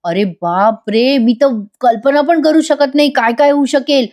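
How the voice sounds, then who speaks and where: A woman's voice: high voice, measured pace, darkish tone, voice pushed up. A woman voicing a scheming middle-aged aunt who exclaims melodramatically.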